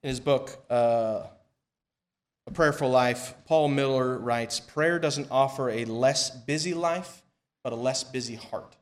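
In a church sanctuary, a man with a medium-pitched voice preaches a sermon and leads prayer at the pulpit microphone. He reads scripture in a measured, emphatic way, letting his phrases fall soft at the ends.

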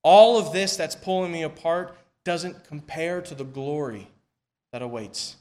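Man preaching at a pulpit microphone. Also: fairly high pitch. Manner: measured, emphatic reading of scripture that drops soft at phrase ends. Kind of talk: sermon with prayer. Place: church sanctuary.

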